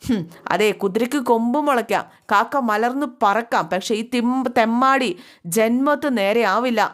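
Brief: unbending, scornful old schoolmaster father, read out by a woman storyteller, highish voice. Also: normal speed, lightly acted. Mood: stern, scornful.

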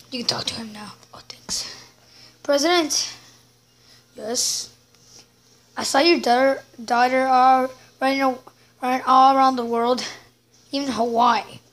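A woman with a high voice narrates toy play, talking at an unhurried pace. She rambles playfully and slips in and out of silly voices. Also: a bit bright.

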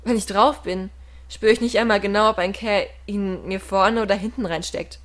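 A woman reading a first-person audiobook dramatically and emotionally, swinging from hushed, whispered passages to loud, strained ones. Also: medium pitch, steady tone, normal speed. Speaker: audiobook reader.

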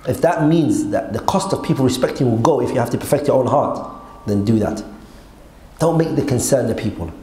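Male Islamic teacher, mellow tone, emphatic and conversational, roomy sound with slight noise. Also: medium pitch. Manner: emphatic, conversational, with rhetorical questions and check-ins to listeners. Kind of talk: religious lecture explaining a text to a class. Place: seated at a desk in a hall indoors. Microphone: gooseneck desk microphone. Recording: echoey room with faint background noise.

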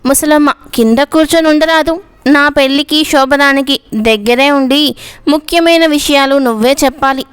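A woman's voice: high voice, steady tone, normal speed, close to an everyday voice. A woman voicing a cheeky, easily sulking young woman in a serialized story reading. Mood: playful. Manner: playful, pouting.

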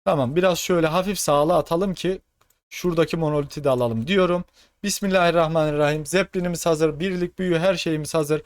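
Excitable young man, high voice. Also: no echo. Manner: fast, excitable, talks to viewers as friends. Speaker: gaming channel host. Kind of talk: live gameplay commentary.

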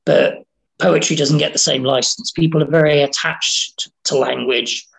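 A man from Wales, a writer and interview guest, talking in a casual, halting way, restarting and repeating words as he thinks. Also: a little high, fairly even intonation, gravelly, fairly bright tone, low-quality recording. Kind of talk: casual conversation.

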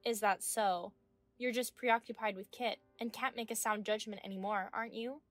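A woman's voice: fairly high pitch, steady tone, moderate pace, fairly bright tone, no room sound, faint music behind. Firm, indignant woman in her thirties. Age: 30s. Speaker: wronged wife. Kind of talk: scripted dialogue reading.

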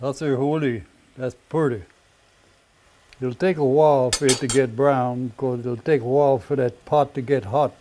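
An elderly Cajun man from Louisiana, 70s or older, tells stories and walks through his home cooking in plain, folksy short phrases. His mid-range voice is warm and fairly even at a normal speed. A lapel mic in his home kitchen picks up clearly audible room and kitchen noise.

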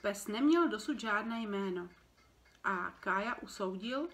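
A woman reading a children's story aloud, telling it in a lively way and raising her voice for the characters' lines. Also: mid-range voice. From Czech Republic.

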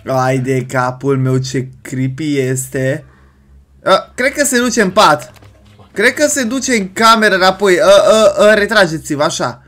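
A man hosting a reaction video, giving casual, excitable commentary with jokes and exclamations. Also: high-pitched.

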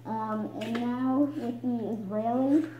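A woman's voice: fairly high pitch, steady tone, slow pace, dark tone, slight background noise. A young woman speaking through a gas mask, chatting casually about her collection with lots of ums. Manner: chatty, many um fillers. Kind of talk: casual show-and-tell. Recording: muffled phone-like sound in an echoey room.

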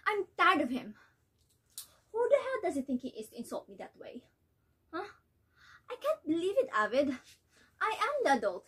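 A woman's voice: extremely high pitch, huge pitch swings, a bit bright, slight background noise, voice pushed up, exaggerated voice. A woman playing an angry, wounded mother in a dramatic monologue, theatrical, indignant and despairing. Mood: outraged. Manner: theatrical, indignant, despairing, with drawn-out words and cries. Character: exasperated, angry, wounded mother ranting to her husband. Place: small bedroom, indoors. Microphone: camera a few steps away.

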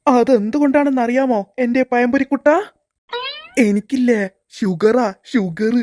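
A woman's voice: on the high side, a little mellow, close to an everyday voice. A woman voicing a sneaky middle-aged male school security guard in a cartoon, muttering fondly to his snack and fretting about the principal. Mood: doting. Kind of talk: cartoon voice acting.

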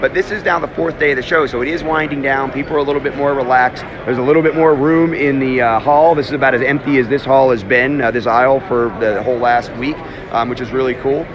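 A man in his fifties rattles through a live walk-and-talk vlog, cutting himself off and starting over as he goes. He holds his phone out at arm's length inside a huge indoor trade show hall. A loud crowd hums around him. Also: medium pitch, steady tone. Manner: fast, chatty, self-interrupting. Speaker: host. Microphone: phone held at arm's length. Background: crowd chatter.

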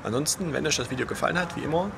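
A young man chatting casually to his vlog viewers in a hushed undertone close to a whisper, outdoors on a balcony. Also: fairly high pitch, rapid-fire. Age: young adult. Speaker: gaming vlogger. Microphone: camera at arm's length. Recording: clear outdoor street noise.

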